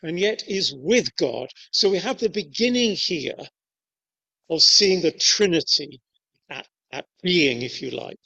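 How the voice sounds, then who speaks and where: A man delivering a sermon, slow and deliberate, leaving pauses between his phrases. His voice sits a little high for a man. The recording is dull and lo-fi. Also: animated, vocal fry, sharp tone. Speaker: preacher.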